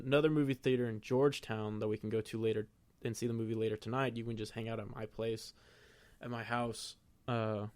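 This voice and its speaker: A young man, the podcast's host, telling a self-deprecating, profane story in a casual, animated way. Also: mid-range voice, no room sound.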